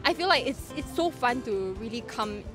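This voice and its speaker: A woman's voice: fairly high pitch, expressive, moderate pace, music in the background. A woman in her twenties answering interview questions at an outdoor event, hesitant and full of fillers. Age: 20s. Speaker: event volunteer.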